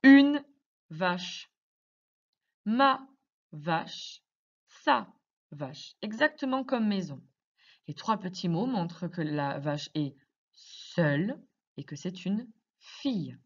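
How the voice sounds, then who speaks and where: A woman teacher explaining grammar to young children in slow, careful speech, asking many questions. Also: fairly low pitch, lively intonation, slightly rough, dull audio. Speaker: primary school teacher.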